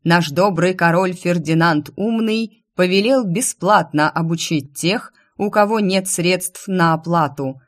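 Woman doing a male town crier, booming, pompous, formal proclamations, storybook reading, lowish voice. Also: unhurried, few pauses, natural voice. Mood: proclaiming.

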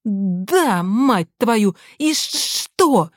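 A woman voicing a furious teenage boy who stutters, shouts and swears. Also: mid-range voice, expressive, very slow, no echo, clean studio sound. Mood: screaming.

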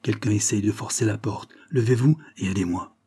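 A man reading the part of a resolute woman alone at night, answering in brief, hushed words. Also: on the low side, brisk, husky, no room sound.

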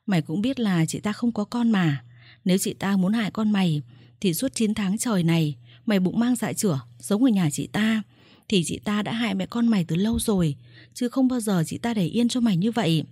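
Brief: woman playing a steady, reasoning friend, warm husky voice. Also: medium pitch, brisk, no echo, clean studio sound, lightly acted. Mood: calming. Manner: reasoning, calming. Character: loyal, level-headed female friend.

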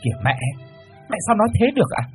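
A man voicing a curt, sharp-tongued young daughter. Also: mid-range voice, racing, faint music behind, close to an everyday voice. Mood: snappish. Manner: snappish, curt. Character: sharp-tongued young woman, daughter defending her boyfriend.

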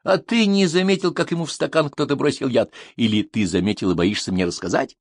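A man's voice: mid-range voice, brisk, dry recording, studio quality, voice pushed up, close to an everyday voice. A man reading an audiobook, voicing a brusque, impatient male police commissar. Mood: stern questioning. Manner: brusque, commanding.

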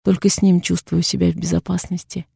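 A woman's voice: on the low side, level tone, a little fast, vocal fry, mellow, breathy edge, no echo, clean studio sound. A woman reading a first-person novel aloud as an audiobook narrator, in a subdued, introspective way. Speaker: audiobook reader.

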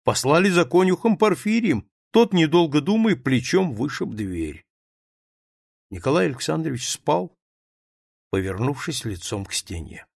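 A man's voice: on the high side, big pitch swings, unhurried, creaky, dry recording, studio quality. A man narrating a novel as an audiobook, reading expressively.

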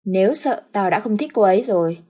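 A woman voicing a calm, frank young master of a wealthy family who speaks tersely and dryly. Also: mid-range voice, a little fast, husky. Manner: laconic, dry.

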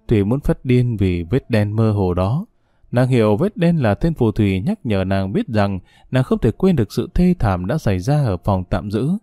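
A man reads a melodramatic story with lots of feeling. His voice is mellow and varies widely in pitch. It is a close, dry recording with soft music underneath. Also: no room sound. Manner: expressive, emotive. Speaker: narrator. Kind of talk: dramatic audiobook narration. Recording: dry studio voice over faint music.

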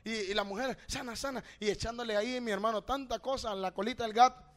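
High-pitched guy preaching hard, goes loud then hushed, keeps saying brother and asking questions. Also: fairly even intonation, fast. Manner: fervent, swinging between loud exhortation and hushed storytelling; addresses listeners as brother, asks rhetorical questions. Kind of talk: evangelical sermon.

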